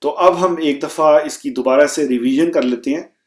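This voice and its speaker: A man teaching vocabulary, saying each word slowly and repeating it so learners can echo him. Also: fairly high pitch. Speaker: German teacher. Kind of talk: vocabulary lesson. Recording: echoey room.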